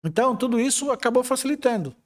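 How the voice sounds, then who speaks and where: A man with a Brazilian Portuguese accent, an IT manager interviewed as a guest, telling stories in a relaxed way with some hesitant restarts. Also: extremely high pitch, fast. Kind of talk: conversational interview.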